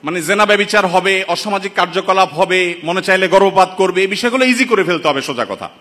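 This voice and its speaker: A man's voice: sits high, fast talker, bright, forceful tone, a little hiss or hum. A man preaching in an indignant, rhetorical way, calling his listeners brothers, from Bangladesh. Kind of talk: impassioned sermon-style commentary. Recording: long reverberant hall sound.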